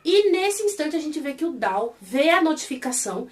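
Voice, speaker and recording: A Brazilian woman retelling and reviewing a series in an animated, exasperated, casual way. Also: high-pitched, normal speed, far from the mic. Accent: Brazilian Portuguese.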